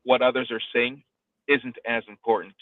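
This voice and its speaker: This is a live streaming coach hosting an audio discussion, giving conversational advice with emphasis and repeated phrases for weight. He speaks in a mid-range voice, level in tone and at a moderate pace, over a live online audio room connection that sounds tinny and phone-like, with no room sound.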